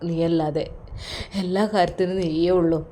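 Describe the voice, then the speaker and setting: A woman voicing a frail, grieving old father in a spoken story. She gives him a soft, pleading, tearful manner. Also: on the low side, flat delivery, moderate pace, a little hiss or hum, pitched below the performer's own voice, lightly acted.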